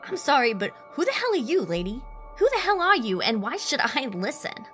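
A woman's voice: fairly high pitch, expressive, moderate pace, fairly bright tone, soft background music, voice pushed up. Woman doing a furious male soldier, swearing, scornful, raised strained voice. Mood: hostile. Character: angry defiant male WWI soldier, cursing.

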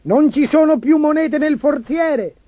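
A man voicing a shrill, panicky male court chancellor in a children's fairy tale, shrieking fretfully. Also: a little slow, no room sound, dull audio. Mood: alarmed.

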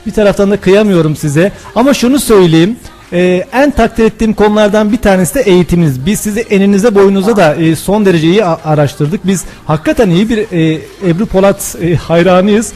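A man hosting a radio interview, speaking in a courteous, flattering way with hesitant phrasing. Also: sits high, brisk, soft background music. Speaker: radio host. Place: radio studio.

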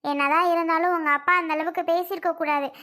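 High bright voice, child doing spiteful resentful sister-in-law, sharp accusing tone, homemade drama. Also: fairly even intonation, quick pace.

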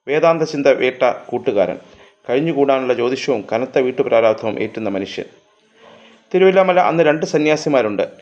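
A man's voice: mid-range voice, a little mellow, muffled recording. Man reading a literary story aloud. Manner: measured reading with long lyrical lists and occasional restarts. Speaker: narrator. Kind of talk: scripted literary narration.

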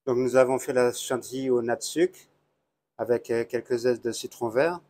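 A man's voice: mid-range voice, fairly even intonation, normal speed, a little mellow. A middle-aged man, a hotel chef giving a plain, step-by-step cooking demonstration on a lapel mic while he works. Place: hotel kitchen, indoors.

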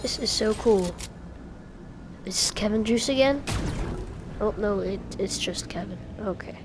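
A gaming YouTuber, a young woman who is sick, coughs and sniffles while casually commentating on gameplay over music. Her voice is medium in pitch, and she hesitates often, filling pauses with lots of fillers.

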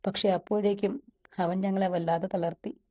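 Frightened young woman, voiced by the woman narrator, tearful and pleading, mellow tone, storybook read. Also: a little high, fairly even intonation, normal speed.

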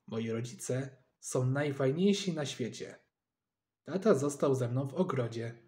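A man reading a children's storybook aloud in a lively, expressive way, narrating in a child's first person. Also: mid-range voice, unhurried.

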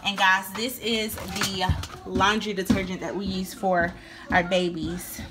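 A woman's voice: medium pitch, level tone, a little slow, over loud music. Chatty young woman. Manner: chatty, addresses viewers as y'all and guys. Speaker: vlogger. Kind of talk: casual grocery haul vlog. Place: home kitchen, indoors.

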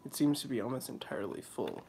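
A man's voice: medium pitch, expressive, fast talker, background noise. A young man casually commenting on a video game and reading its text aloud in a wry, offhand way. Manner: wry, offhand, drops into mock voices and whispers. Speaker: let's play commentator.

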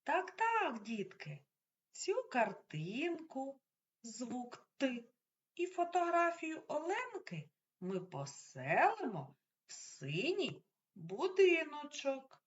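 A woman preschool teacher guides small children through a speech lesson, her voice swooping widely in a slightly higher register. She talks slowly, shaping every sound with exaggerated care and coaxing them on. The recording is dull and lo-fi. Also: wildly swooping pitch. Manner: slow, exaggerated articulation, coaxing and praising.

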